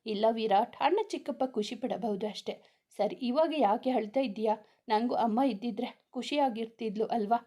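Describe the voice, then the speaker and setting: A woman's voice: a little high, normal speed, dark tone, natural voice. A woman voicing a sad young wife who longs for her parents' love in a read-aloud story. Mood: tearful. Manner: tearful, wistful.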